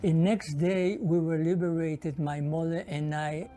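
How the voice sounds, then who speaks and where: A man's voice: on the high side, flat delivery, a little slow, warm tone. A man in his seventies, born in Poland, telling his story in a hesitant interview and often repeating himself. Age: 70s. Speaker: Holocaust survivor interviewee. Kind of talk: documentary interview.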